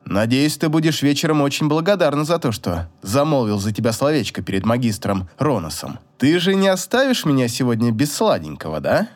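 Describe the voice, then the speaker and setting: A man's voice: medium pitch, sing-song, a little fast, hardly any pauses, lightly acted. A man voicing a young man, the heroine's smug boyfriend, who talks in a teasing, self-assured way in an audiobook. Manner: teasing, then fawning and apologetic.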